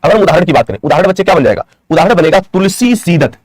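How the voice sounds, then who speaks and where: A man from India teaches an online Hindi grammar class in a high-pitched, animated voice, speaking fast on a dry recording. He restates each point as a question and answer, dictates definitions word by word, and affectionately calls his students his children and brothers.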